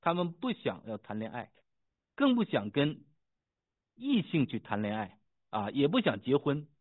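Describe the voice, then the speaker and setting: A man pastor reading scripture, praying and preaching with fervent emphasis, pausing with fillers as he talks. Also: mid-range voice, big pitch swings. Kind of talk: sermon with scripture reading and prayer. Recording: tinny phone-like sound.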